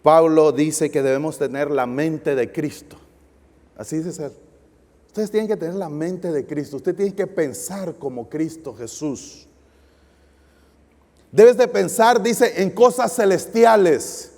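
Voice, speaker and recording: A male guest pastor preaching a sermon, lively and asking the audience questions. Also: on the high side, slow pace. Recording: long hall reverb.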